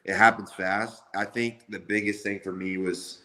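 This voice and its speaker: A man's voice: lowish voice, fairly even intonation, moderate pace, pushed and bright. A man in his twenties chatting casually in an interview as a college football player, with a loose, slangy way of talking. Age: 20s. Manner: loose, slangy, repeats "like" often.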